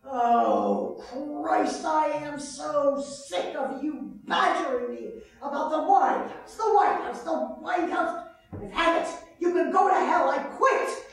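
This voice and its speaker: A woman's voice: sits high, lively intonation, measured pace. An actress playing a blunt, earthy woman reporter who swears freely, in a one-woman stage play. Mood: angry. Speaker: stage actor. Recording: roomy stage from far off.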